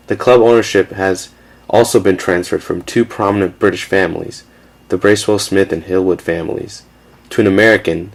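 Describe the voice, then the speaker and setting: A man giving a measured, factual scripted narration for a documentary. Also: deep voice, gravelly.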